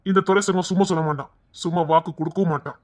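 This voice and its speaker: A man's voice: sits high, fairly even intonation, rapid-fire, natural voice. A man playing a kind, devoted young man who reassures an older woman in an audio drama. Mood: reassuring. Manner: earnest, warm-hearted, reassuring. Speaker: young husband-to-be waiting outside an exam hall.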